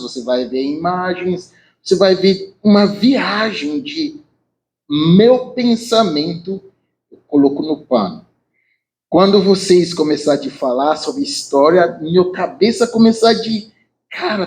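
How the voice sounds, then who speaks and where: A man from Nigeria with a Nigerian English accent in non-native Portuguese, giving an earnest, halting informal speech as an artist. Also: high voice, darkish tone, rough recording. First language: not a native Portuguese speaker. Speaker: visual artist.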